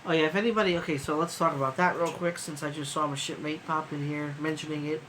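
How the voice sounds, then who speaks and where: A man's voice: a little high, steady tone, quick pace, fairly bright tone, slight background noise, low-quality recording. A man hosting a casual live stream as a trucker, rambling loosely with lots of fillers and casual swearing, sleepy and yawning.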